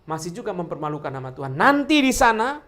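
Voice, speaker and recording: A man's voice: high-pitched, big pitch swings, quick pace, a bit bright. A male pastor preaching a sermon, asking rhetorical questions and repeating key words while constantly addressing the congregation as brothers and sisters.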